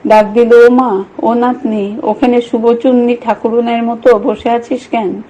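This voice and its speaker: A woman's voice: a little high, level tone, normal speed, dark tone, muffled recording, natural voice. A woman voicing a teasing old village milkwoman who talks in rustic dialect and scolds in banter.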